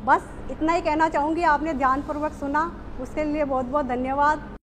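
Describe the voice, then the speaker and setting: High-voiced woman sharing reflections. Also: steady tone, a little fast, a little hiss or hum. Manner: hesitant, many fillers and restarts. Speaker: workshop participant. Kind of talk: reflective talk to a group.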